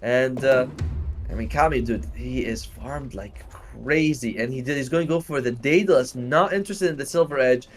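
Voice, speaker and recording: A man offers loose, rambling color analysis of an esports match, packed with fillers and casual slang. His voice sits in a middle range, with clear background music under it. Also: mid-range voice, moderate pace. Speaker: esports commentator. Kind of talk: live game analysis commentary.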